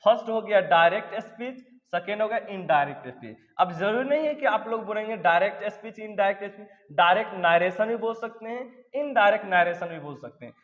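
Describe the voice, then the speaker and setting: A man's voice: high voice, expressive, a little fast, few pauses, in a large hall, muffled recording. A man teaching an English grammar lesson, drilling points again and again and calling his students dear ones. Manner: repetitive, drilling reminders to remember; affectionate address to students. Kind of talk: classroom lesson explanation.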